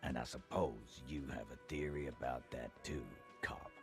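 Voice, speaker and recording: Brief: a weary union boss in a detective game; extremely low, gravelly, curt. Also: male voice, fairly even intonation, moderate pace, soft background music. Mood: guarded. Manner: curt, guarded replies. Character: gruff middle-aged male union boss, guarded and weary.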